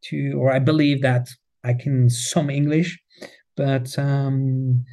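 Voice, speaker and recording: Speaking slowly in a mellow, mid-range voice with a level tone, a middle-aged Swiss cheese marketing head with a French accent is interviewed in English as a podcast guest. He's recording remotely on the road, frequently restarting with repeated words and putting emphasis on what matters to him.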